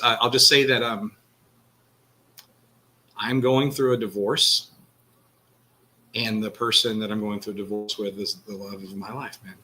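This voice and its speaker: A man's voice: lowish voice, pushed and bright, slight background noise, rough recording. A man with a Texan accent, co-hosting a podcast and talking earnestly in a rambling, casual way. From Texas. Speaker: podcast co-host. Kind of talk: casual candid conversation.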